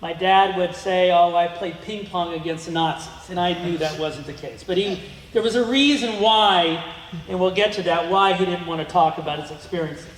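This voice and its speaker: A guest speaker, a middle-aged man from the United States, gives a museum lecture with slides on his family, meandering with plenty of ums and restarts. He has a high voice and keeps a moderate pace. The room is an echoey hall with long reverb.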